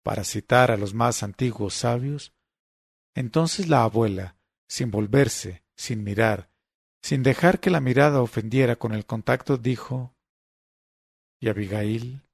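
A man reading a literary story aloud in a measured, deliberate way. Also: medium pitch, gravelly, no room sound, clean studio sound. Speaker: narrator. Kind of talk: literary audiobook narration.

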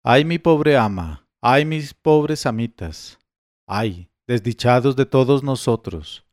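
A man voicing a scheming male servant who fakes grief with drawn-out laments. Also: medium pitch, clean tone, no room sound, studio quality, lightly acted. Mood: wailing.

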